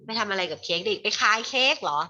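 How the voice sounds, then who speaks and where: A woman with a Thai accent teaching English to children in an online lesson, moving between Thai and slow, carefully spelled English and calling the viewers "child". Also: mid-range voice, animated, sharp tone, muffled recording.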